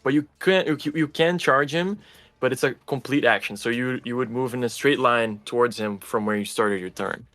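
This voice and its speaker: A man running a tabletop game as game master, explaining rules casually with halting restarts. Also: mid-range voice, a bit bright, no room sound.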